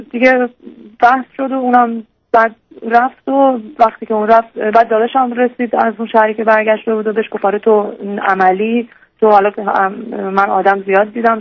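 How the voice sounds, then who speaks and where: A young female caller on a radio advice show, speaking in a flat, gravelly voice. She halts often and fills pauses while sounding unsure. The line is muffled and lo-fi. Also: a little high. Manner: hesitant, full of fillers and restarts, unsure. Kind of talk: personal story on a call-in show.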